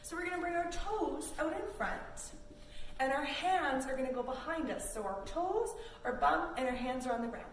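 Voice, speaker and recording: A woman whose voice sits high talks expressively at a moderate pace while guiding a kids' yoga class with a story. She's from Canada and gives encouraging, simple instructions. The sound is roomy, with faint noise from a distant microphone.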